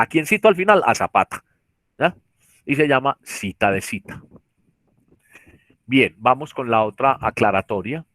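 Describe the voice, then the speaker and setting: A man's voice: mid-range voice, fairly bright tone, dry recording. A man with a Colombian accent giving a lecture in an online class, explaining step by step with many restarts and checking questions. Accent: Colombian Spanish. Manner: explanatory, repeats tag questions, frequent restarts. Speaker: teacher. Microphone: computer mic on a video call.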